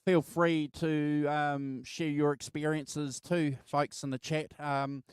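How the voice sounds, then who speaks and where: A middle-aged man hosting a casual music album chat, halting and repeating words as he reminisces. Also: a little high, level tone, clear, resonant tone, no echo, clean studio sound. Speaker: host of a music album show.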